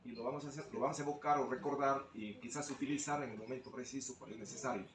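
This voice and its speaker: A man's voice: mid-range voice, steady tone, racing, echoey room, recorded from a distance, a crowd in the background, poor audio. A male teacher speaking up in a training session, explaining things at length and often ending phrases with a tag question.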